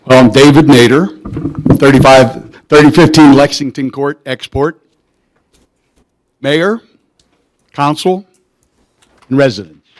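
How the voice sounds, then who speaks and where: A man's voice: medium pitch, takes it slowly, long pauses, no room sound. A middle-aged man giving an emphatic, indignant public comment at a council meeting.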